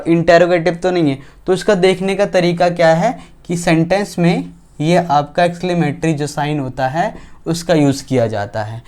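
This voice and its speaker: Slow, deliberate male grammar teacher. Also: fairly high pitch, darkish tone. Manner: slow, deliberate, asks and answers his own questions; spells out English example sentences word by word. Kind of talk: online grammar lesson.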